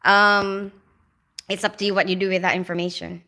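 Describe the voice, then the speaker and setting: A young Filipino woman with a Filipino accent hosts a livestream, chatting casually and reading out viewer comments, her speech full of "like" and "you know." Her voice is medium-pitched and bright, with a forceful tone, a flat delivery, and a moderate pace.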